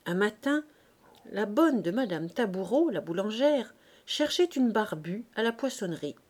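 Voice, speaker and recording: A woman with a mid-range voice reads a classic novel aloud for an audiobook, keeping her delivery measured yet expressive.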